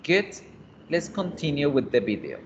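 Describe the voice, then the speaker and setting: A man's voice: a little high, wildly swooping pitch, unhurried. A man teaching English in Spanish, patiently repeating example words for his class. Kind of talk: online class explaining English grammar in Spanish. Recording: dull audio with faint noise.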